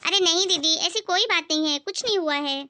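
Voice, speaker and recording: A woman voicing a meek young daughter-in-law who pleads softly, in an amateur family skit. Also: extremely high pitch, brisk, dry recording. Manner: soft and pleading.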